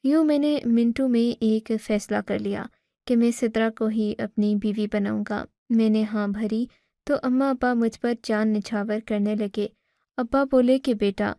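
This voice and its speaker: A woman narrates a first-person moral story with a steady, even delivery. Her voice sits fairly high yet sounds mellow and soft-edged, and it is recorded dry and close with no room sound. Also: dry recording.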